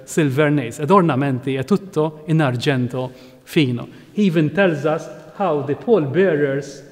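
A middle-aged man lectures on art history from a lectern in a grand church. He speaks animatedly, hedging with ums and restarting phrases. His voice sits at an ordinary pitch and rings with the long reverb of a large stone hall. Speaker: researcher and curator giving a talk. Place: ornate church interior at a lectern.

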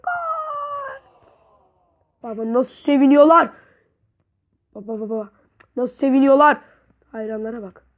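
Excitable young woman commenting on gameplay. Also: a little high, moderate pace, long pauses. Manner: excitable, cheering and trash-talking at the game. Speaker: gaming YouTuber.

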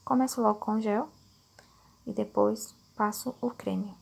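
A beauty vlogger from Brazil, in her thirties, talks unhurriedly about her hair-care routine in a medium-pitched, steady, slightly rough voice with vocal fry. Recording indoors in a small home bedroom, she's casual and chatty, calls viewers "gente," uses plenty of "né," and often asks them to agree.

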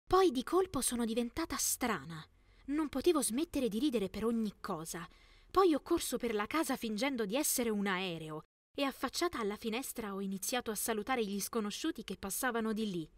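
A young woman narrates a first-person teen story for an animation. Her voice sits a little high, and she enunciates clearly with expressive delivery. The recording is dry and close, with little room sound. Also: a little fast, dry recording.

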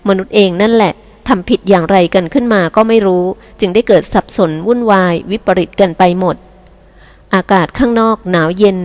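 Calm woman reading an audiobook. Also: mid-range voice. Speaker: audiobook reader. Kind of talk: scripted narration.

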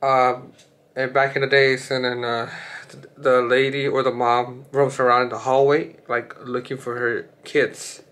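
A man's voice: medium pitch, little pitch movement, unhurried, fairly bright tone. A young man vlogging to camera and talking loosely, with lots of swearing and fillers. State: shaking from cold. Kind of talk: casual vlog. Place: outdoors on a city street, later a hotel room. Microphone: handheld camera filmed by a friend. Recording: noisy street and room ambience.

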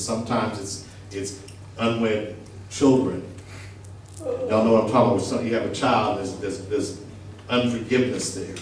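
A man's voice: on the low side, a little hiss or hum. A middle-aged man, preaching a sermon into a handheld mic, emphatic and conversational, asking the congregation questions. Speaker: pastor. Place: small church sanctuary. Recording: echoey church from a distant camera.

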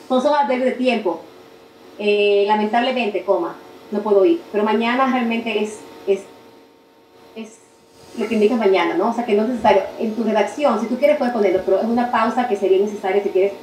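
A woman teaching a spelling masterclass over a video call, talking quickly and correcting herself as she explains. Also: medium pitch, echoey room, slight background noise, rough recording. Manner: fast-talking, self-correcting, animated teacher. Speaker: guest instructor.

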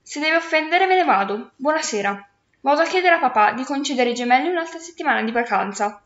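A woman voicing a young girl who is gentle but spirited and speaks up earnestly, in a storybook reading. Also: high-pitched, animated, fast talker. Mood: scolding. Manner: earnest, scolding. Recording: roomy, dull lo-fi recording.

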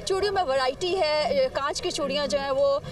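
A woman's voice: high voice, a little fast. A woman field reporter with a Pakistani Urdu accent, reporting live from a crowded outdoor market and hesitating with frequent fillers. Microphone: handheld mic. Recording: distant mic with crowd noise.

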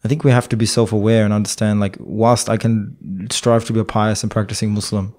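A man's voice: lowish voice, flat delivery, fairly quick, darkish tone. A man co-hosting a podcast, talking in a casual, rambling way with many restarts. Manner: rambling, lots of fillers and restarts. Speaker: podcast co-host. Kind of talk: casual discussion.

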